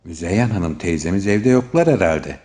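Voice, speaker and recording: A man's voice: low voice, animated, moderate pace, darkish tone. A man voicing a polite, deferential young man doing errands for an old neighbor, in a storybook reading.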